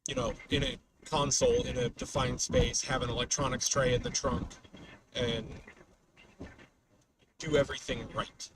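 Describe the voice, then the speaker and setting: A man's voice: medium pitch, moderate pace, pauses often. A man livestreaming as a storm chaser from a moving car, chatting casually and off the cuff, often trailing off mid-thought. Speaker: storm chaser live streamer. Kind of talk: casual unscripted livestream chat while driving. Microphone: webcam microphone in car. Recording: noisy car, distant webcam mic.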